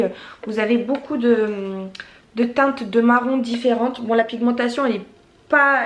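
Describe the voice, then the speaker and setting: A woman's voice: a little high, reverberant. A woman vlogger casually reviewing her makeup collection, chatty, with many fillers and restarts. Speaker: beauty vlogger.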